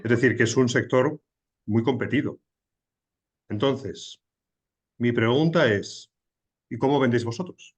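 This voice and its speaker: A man's voice: mid-range voice, a little slow, pauses often, breathy edge. A man hosting a business podcast, asking questions in a conversational way and rephrasing them as he talks. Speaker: podcast host. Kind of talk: interview questions, casual chat.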